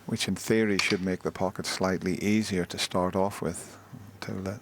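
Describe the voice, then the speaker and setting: Hushed, very deep-voiced male snooker commentator. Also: little pitch movement, normal speed. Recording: noisy live arena broadcast. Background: audience and clicking balls.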